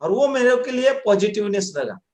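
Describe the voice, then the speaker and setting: Man, motivational testimonial, acts out dialogue, high voice. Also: very animated, moderate pace, roomy sound. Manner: storytelling, acting out dialogue. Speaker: direct selling distributor.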